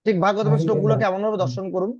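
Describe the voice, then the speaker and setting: Fast-talking high-voiced man teaching online. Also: steady tone, a little mellow, no room sound, muffled recording. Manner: explains step by step with frequent check-in questions; chants verses slowly in a singsong tone. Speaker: scripture class teacher. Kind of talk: online scripture lesson. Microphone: video call.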